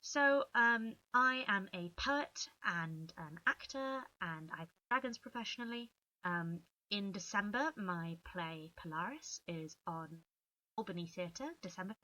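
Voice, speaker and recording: A woman guest in a casual chat, playful and quick to act things out. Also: medium pitch, pushed and bright, dry recording, rough recording.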